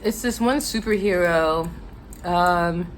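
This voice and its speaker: A woman's voice: on the low side, slow, a little hiss or hum. An American woman telling a casual, chatty, self-deprecating story to viewers while eating, her mouth sometimes full. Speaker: mukbang vlogger telling stories.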